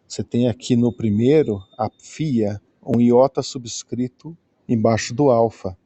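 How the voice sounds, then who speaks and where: Slow, patient Brazilian man teaching. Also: mid-range voice, mellow, no echo. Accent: Brazilian Portuguese. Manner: patient, checks in with "né?" often. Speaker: Greek teacher. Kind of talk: slow, explanatory lesson.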